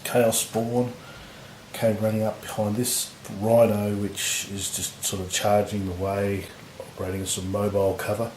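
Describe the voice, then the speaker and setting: A man with a husky voice from recent illness, giving relaxed, rambling commentary on a tabletop battle. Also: lowish voice, measured pace. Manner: relaxed, rambling, lots of fillers. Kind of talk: casual game commentary. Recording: echoey room with faint noise.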